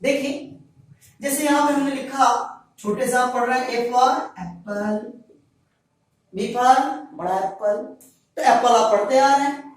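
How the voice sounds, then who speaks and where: A man's voice: extremely high pitch, steady tone, moderate pace. A male teacher giving a grammar lesson to students, repeating each point and answering his own questions. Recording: very echoey room, voice far from mic.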